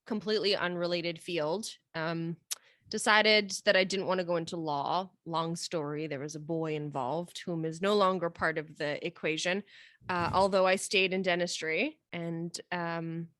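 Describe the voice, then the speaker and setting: A woman's voice: fairly low pitch, a bit bright, no echo. A woman from Romania, a dental hygienist and practice owner, chatting casually and joking in an interview.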